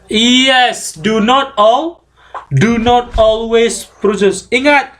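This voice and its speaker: High-pitched, slow-talking man teaching a class. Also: fairly bright tone, a little hiss or hum. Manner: slow, drawn-out words for pronunciation drills; mixes English into Indonesian explanations. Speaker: English teacher. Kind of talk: classroom lesson.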